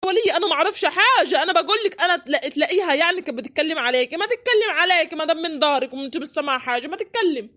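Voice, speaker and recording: A voice actor playing a harried young village husband, pleading for calm in a cartoon. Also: extremely high pitch, rapid-fire, hardly any pauses. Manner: pleading, exasperated peacemaker.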